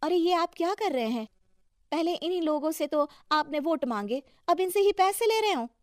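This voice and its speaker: A woman's voice: extremely high pitch, expressive, moderate pace, no echo, studio quality, voice pushed up. A woman voicing a wronged, earnest wife and councillor who speaks up indignantly in a cartoon story. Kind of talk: cartoon moral story dialogue.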